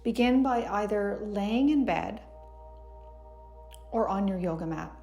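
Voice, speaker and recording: Over background music, a woman who teaches yoga leads a very slow guided meditation. Her mid-range voice is mellow and relaxed, with some vocal fry, and her unhurried instructions come across gently and soothingly.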